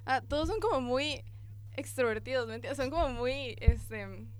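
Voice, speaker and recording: A woman's voice: high-pitched, animated, moderate pace. A teenage girl from Costa Rica with a Costa Rican accent, a guest exchange student answering interview questions in a school radio studio, hesitant and full of fillers. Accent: Costa Rican Spanish. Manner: hesitant, many fillers, laughs often. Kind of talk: casual interview.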